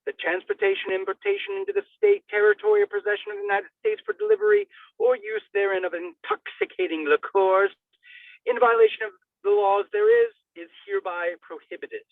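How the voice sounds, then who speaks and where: A man reads a legal document aloud in a theatrical, declamatory style, breaking into sudden bursts of emphasis. His high voice is very animated and fairly quick with no room sound, though the audio is thin and phone-like, as over radio, from a distant mic.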